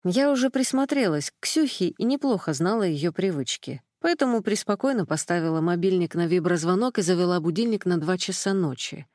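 A woman narrating a first-person audiobook in a calm, even storytelling manner. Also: on the low side, a little fast, hardly any pauses, no room sound, studio quality.

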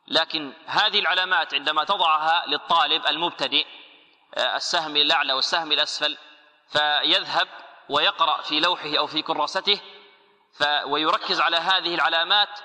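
A man teaching Quran recitation rules. He asks questions, answers them himself, and slowly models each word and its common mistakes. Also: fairly high pitch, sharp tone. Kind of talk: tajweed lesson. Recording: echoey hall with long reverb.

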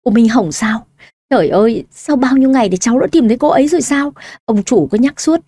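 A woman voicing an excitable older female housekeeper who gushes. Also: mid-range voice, racing, vocal fry, no room sound. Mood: overjoyed. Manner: excited and gushing.

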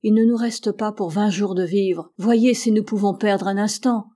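A hard, driven sea captain speaks with urgent command, voiced by a woman reading the story. The tone stays mellow and restrained. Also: mid-range voice, fairly even intonation, moderate pace, close to an everyday voice.

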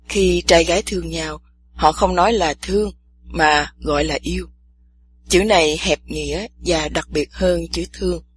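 A woman voicing an earnest, athletic young man who talks calmly and teases gently. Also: on the low side, a little hiss or hum, lightly acted.

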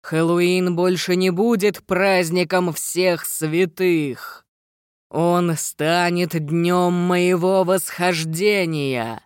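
A reader voicing a grandiose male shadow spirit lord who declaims slowly and pompously in an audiobook. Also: fairly high pitch, smooth, no room sound, studio quality.

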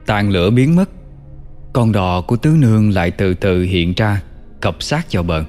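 Male storyteller, low calm voice, long reverb, soft music behind. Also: normal speed. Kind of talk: storytelling narration.

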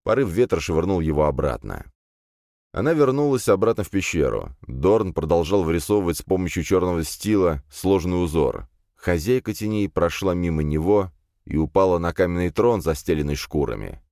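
A man narrating a fantasy audiobook with expressive storytelling. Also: deep voice, moderate pace, no room sound, studio quality.

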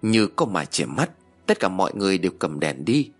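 A low-voiced man narrates a first-person horror story in a measured, somber way, his slightly rough voice moving in lively pitch swings. Faint music plays underneath.

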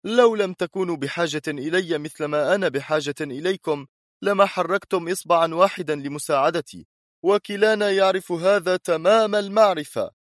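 A cold, commanding spymaster, voiced by a male audiobook narrator, talks in short, steely sentences. The voice sits higher and louder than the narrator's own, in a dry, close sound. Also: a little fast, no room sound, close to an everyday voice. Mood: stern. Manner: firm, curt, steely. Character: stern, cold, commanding male intelligence chief. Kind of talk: audiobook character voice.

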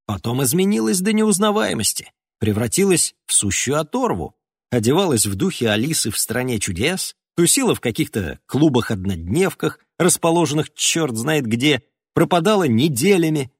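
A man narrating an audiobook in an expressive storytelling manner. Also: a little high, husky, no room sound, clean studio sound. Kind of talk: scripted narration.

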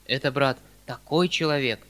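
A man voicing a flustered, kindly old country landowner who talks in a hurried, fussy, pleading way. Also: medium pitch, a bit bright, natural voice.

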